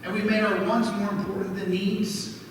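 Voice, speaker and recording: A man's voice: high voice, level tone, normal speed. A middle-aged man preaching a sermon as pastor, telling a personal story and asking the congregation questions. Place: church sanctuary. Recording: echoey church hall from far off, faint noise.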